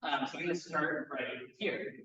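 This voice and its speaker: A man moderates a student presentation with brisk, upbeat announcements. His voice is bright and forceful and slightly high. He is recorded from afar in a roomy space on a dull recording. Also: fairly even intonation, distant mic. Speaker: session moderator.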